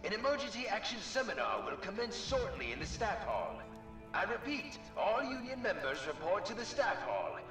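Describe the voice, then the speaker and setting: A man's voice: high-pitched, very animated, normal speed. An actor voicing a male prison announcer in a video game, making a formal official announcement over a PA system. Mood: officious. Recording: echoey, distant PA with game music.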